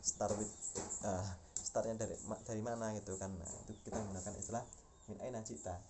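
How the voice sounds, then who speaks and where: A young man with an Indonesian accent teaching Arabic greetings in a casual spoken lesson, explaining patiently and repeating phrases slowly. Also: lowish voice, fairly even intonation, background noise.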